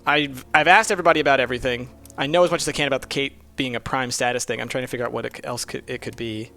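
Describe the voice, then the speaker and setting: A man's voice: medium pitch, steady tone, racing, sharp tone. A young man casually thinking aloud while streaming a mystery game. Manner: thinks aloud, muttering and musing. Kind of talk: casual let's-play commentary.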